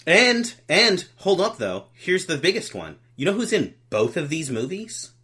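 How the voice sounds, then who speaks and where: A man co-hosting a podcast, chatting casually about a film with animated, jokey tangents. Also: fairly high pitch, measured pace, husky. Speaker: podcast co-host. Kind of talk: casual comedic film review chat.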